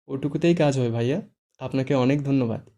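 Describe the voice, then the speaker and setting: A man's voice: mid-range voice, brisk, mellow, lightly acted. A man reading a story aloud, voicing a cheerful, mischievous young woman who coaxes others with a laughing tone.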